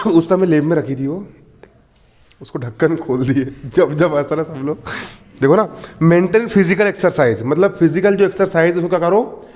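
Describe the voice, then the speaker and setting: A man's voice: fairly high pitch, moderate pace, darkish tone, in a large hall. A man teaching a class in a chatty, laughing way, often asking his students if they follow. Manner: chatty, laughs often, repeats "theek hai". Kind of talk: classroom lecture.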